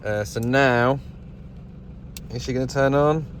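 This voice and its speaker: A British vlogger and radio hobbyist chats informally to camera while sitting in a parked pickup truck. His mid-range voice is a little slow, with slight background noise.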